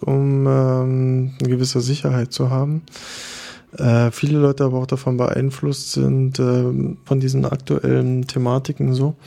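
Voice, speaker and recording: Speaking steadily at a fairly even pitch, this Berlin bar co-owner in his thirties has a deep, mellow, gravelly voice. He reflects thoughtfully in the interview but hesitates a lot, filling pauses and starting his phrases over.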